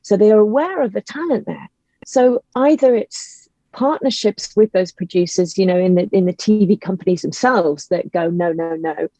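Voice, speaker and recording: Guesting on a podcast, an audio drama writer and actor states her opinions with emphasis in a conversational manner. She has a warm, mid-range voice at a moderate pace. The sound comes through as dull, lo-fi and roomy call audio.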